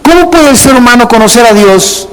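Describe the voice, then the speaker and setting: A man's voice: extremely high pitch, expressive, a little fast. A male pastor preaching a sermon in a large church, driving his points home with emphatic repetition and acting out what churchgoers say. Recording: long hall reverb.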